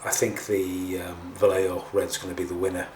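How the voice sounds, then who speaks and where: Low-voiced man in a roomy, distant recording. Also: level tone, moderate pace, darkish tone. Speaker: host of a scale model painting tutorial. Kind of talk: casual hands-on tutorial talk. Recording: roomy, distant mic, faint noise.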